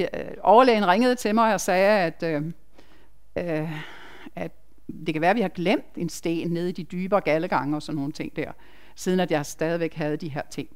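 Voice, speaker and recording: A woman's voice: mid-range voice, clean tone. A woman, a nurse, giving a chatty, emphatic personal testimony to a congregation, with asides to the listeners.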